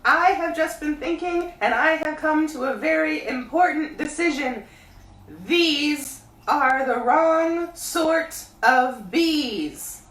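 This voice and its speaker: A woman voicing a gentle, simple-minded male teddy bear in a storybook reading, speaking in a slow, earnest loud whisper. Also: sits high, animated, voice pushed up, full character voice. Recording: roomy, distant mic.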